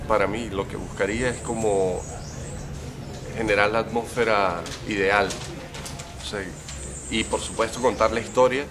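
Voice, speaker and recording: A young man with a Venezuelan accent, a filmmaker talking about his short film in a relaxed, thoughtful way, recorded outdoors by a building entrance on a close camera mic. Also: fairly low pitch, gravelly, noisy background. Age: young adult. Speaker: filmmaker guest. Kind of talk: festival interview.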